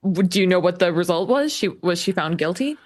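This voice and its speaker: A woman co-hosting a podcast, reacting in casual chat with short, unhurried remarks. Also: on the low side, lively intonation, darkish tone. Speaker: podcast co-host.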